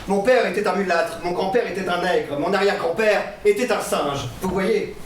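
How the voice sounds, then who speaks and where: Man playing a proud, high-pitched defiant writer. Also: normal speed, natural voice. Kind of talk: French historical stage drama. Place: theatre stage in Paris. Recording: echoey theatre, distant mic, faint noise.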